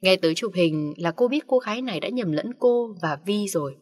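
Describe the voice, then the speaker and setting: A woman narrating a romance story in an even, storytelling manner. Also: medium pitch, a little fast.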